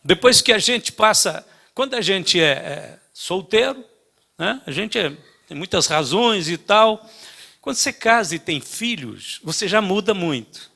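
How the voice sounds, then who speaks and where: An older man preaching a sermon, telling a story in an emphatic way with many halting restarts. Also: sits high, expressive, creaky, pushed and bright. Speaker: pastor.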